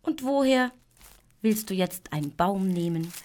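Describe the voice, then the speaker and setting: A woman voicing a practical, teasing young boy in a children's radio play who sounds lively and exasperated. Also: mid-range voice, a little slow, close to an everyday voice. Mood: defensive.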